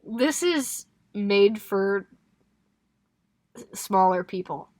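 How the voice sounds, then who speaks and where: A woman's voice: medium pitch, very slow, a little hiss or hum. A young woman co-hosting a podcast, recapping a novel in casual chat with lots of laughter and swearing. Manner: laughing, animated storytelling with expletives. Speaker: podcast co-host.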